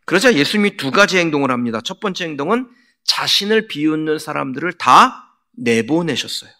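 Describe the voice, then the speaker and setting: A man's voice: fairly high pitch, expressive, fairly quick, pushed and bright. A male pastor preaching a sermon in a church, asking the congregation questions and acting out quotes. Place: church sanctuary.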